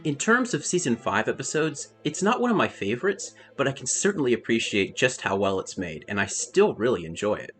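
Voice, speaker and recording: A man's voice: mid-range voice, big pitch swings, fairly quick, hardly any pauses, a bit bright, faint music behind. A man reading a scripted review as a narrator.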